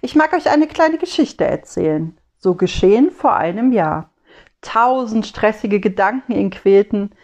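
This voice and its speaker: Slow, measured woman reciting a poem. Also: medium pitch, lively intonation, a little mellow. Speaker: storyteller.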